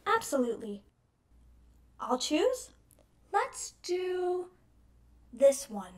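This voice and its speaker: An actress playing a perky, teasing streaming-service host who prods the viewer with questions. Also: female voice, sits high, big pitch swings, very slow, full character voice.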